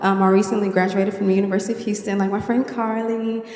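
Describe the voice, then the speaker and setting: A woman in her twenties speaking casually on a panel, chatty and quick to laugh, with many fillers. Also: mid-range voice, level tone, a little mellow. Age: 20s. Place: large hall. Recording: echoey hall.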